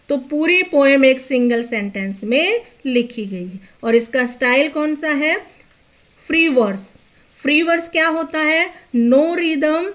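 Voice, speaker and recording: Slow, high-voiced teacher woman. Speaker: English teacher. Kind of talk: bilingual poetry lesson.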